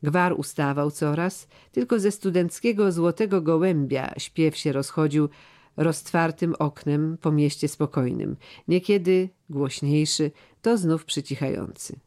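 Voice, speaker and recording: A man narrating a classic novel in a measured, even storytelling manner. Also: fairly high pitch. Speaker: audiobook narrator.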